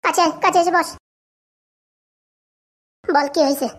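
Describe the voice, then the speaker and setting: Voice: very high-pitched, fairly even intonation, a little slow. A performer voicing a scheming, bossy middle-aged mother in a cartoon, scolding and giving orders. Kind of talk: cartoon voice acting.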